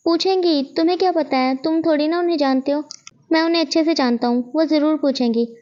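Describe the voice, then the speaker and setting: A woman voicing a playful, boastful teenage schoolboy who whines and gets excited easily. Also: high-pitched, fast, highs cut off, natural voice. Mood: excitable. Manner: whiny and excitable.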